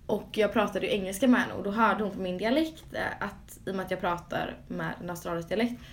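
A young woman, co-hosting a podcast and telling a story in casual chat, acting out the quotes as she goes. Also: mid-range voice. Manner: animated storytelling with acted-out quotes. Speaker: podcast co-host.

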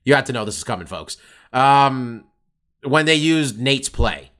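Bright-voiced man rambling casually. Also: mid-range voice, lively intonation, a little slow. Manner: rambling, lots of "like", swears freely. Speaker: podcast co-host. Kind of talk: casual chat.

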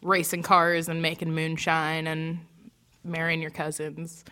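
Woman from West Virginia, lower voice, quick chatty podcast asides. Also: monotone, pushed and bright, smooth. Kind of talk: casual podcast chat.

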